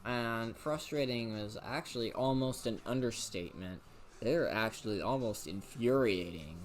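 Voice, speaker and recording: A man's voice: mid-range voice, moderate pace, a little hiss or hum. A young man rambling casually over gameplay, full of fillers and restarts. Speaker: let's play commentator.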